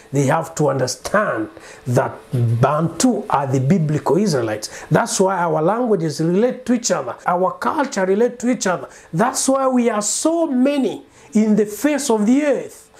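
A man in his thirties from Congo, whose first language is Bembe, presents himself as a preacher and singer in a direct-to-camera monologue. Filmed in a small home study on a lapel mic, he speaks earnestly and insistently, gesturing with his hands. His voice is high and a little mellow.

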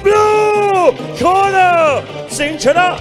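A middle-aged man working as a ring announcer, loud and showy, with long drawn-out calls into a handheld microphone. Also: very high-pitched, fairly even intonation, over loud music, a loud crowd. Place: indoor boxing stadium.

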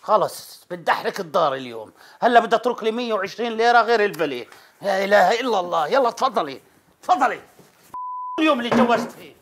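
A man's voice: high-pitched, expressive, quick pace, a bit bright. A man playing a bossy, jealous husband who scolds his wife nonstop in a comedy sketch. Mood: grumbling. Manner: nagging, scolding, quarrelsome.

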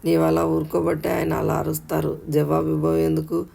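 A man voicing a bold young student confronting his parents in an audio story, read in a flat, gravelly storyteller voice. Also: a little high, normal speed, heavily acted. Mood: challenging.

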